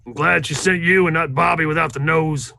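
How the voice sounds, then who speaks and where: A man playing a terse, folksy, stubborn fantasy adventurer with a gravelly voice. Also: on the high side, steady tone, bright, forceful tone, dry recording. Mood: defensive. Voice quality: gravelly, creaky. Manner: drawn-out mm-hmms, terse folksy replies.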